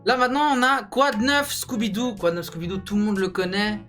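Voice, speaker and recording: A young man with a voice that sits high talks briskly, chatting casually and jokingly in slangy language. Like a YouTube host telling stories to a friend, he's animated as he banters and ranks cartoons, with music playing behind him.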